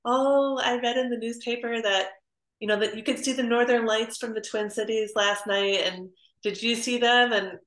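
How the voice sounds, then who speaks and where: A woman's voice: on the high side, steady tone, moderate pace, fairly bright tone. A woman from Illinois asking a speaker questions, talking politely and hesitantly with many fillers. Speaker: audience member asking questions. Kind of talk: casual conversation. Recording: roomy echo.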